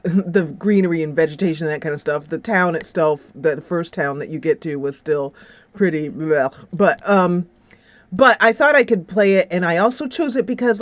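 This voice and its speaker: A woman with a voice on the low side hosts a game channel and reviews games in solo commentary. She's casual and playful, full of slang. There's no echo.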